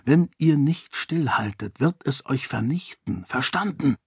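Audiobook casting: a man playing a calm young prince who threatens in a low hush, recorded close and dry. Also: a little slow, creaky, breathy edge, dry recording, exaggerated voice. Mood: quietly menacing. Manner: quiet, hushed menace.

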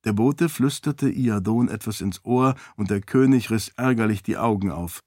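A man narrating an audiobook in an even, measured storytelling manner, close to the microphone. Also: on the low side, no room sound. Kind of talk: scripted narration.

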